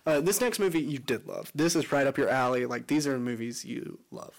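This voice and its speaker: A man's voice: mid-range voice, expressive, a little fast. A young man co-hosting a casual pop culture podcast, chatty and easygoing, often laughing as he talks. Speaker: podcast co-host. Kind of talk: casual chat.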